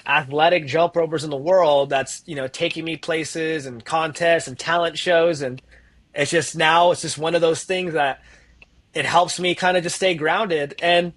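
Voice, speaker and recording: A man's voice: on the high side, fairly even intonation, normal speed, a bit bright. A man telling his own story as a podcast guest, acting out the voices of the people in it. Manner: acts out voices in his stories, fillers like "like". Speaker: guest, therapist. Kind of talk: animated storytelling.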